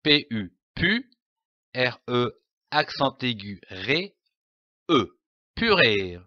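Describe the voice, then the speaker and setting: A man giving a reading lesson, spelling out letters and sounding out each syllable clearly. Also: medium pitch, big pitch swings, very slow, bright, forceful tone, no echo, muffled recording. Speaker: reading teacher.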